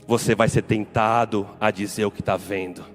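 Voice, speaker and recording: A man's voice: fairly low pitch, steady tone, moderate pace, faint music behind. A man with a Brazilian Portuguese accent, a pastor delivering a sermon in an emphatic, repetitive preaching style.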